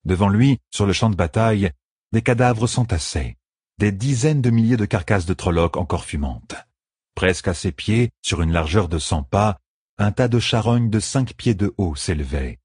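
A man narrating a fantasy novel in a measured, dramatic reading, close to the mic. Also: deep voice, darkish tone, breathy edge, dry recording. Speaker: audiobook narrator.

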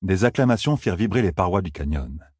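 A man narrating an audiobook in a steady, even reading manner. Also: low-pitched, quick pace, breathy edge, dry recording, studio quality.

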